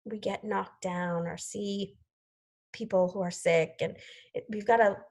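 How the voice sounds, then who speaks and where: A woman's voice: medium pitch, fairly even intonation, a little slow, darkish tone, rough recording. A woman in her forties leading a group video call, talking casually with lots of "like" and "you know" and laughing often. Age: 40s. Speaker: team leader hosting a group video call. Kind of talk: casual motivational chat.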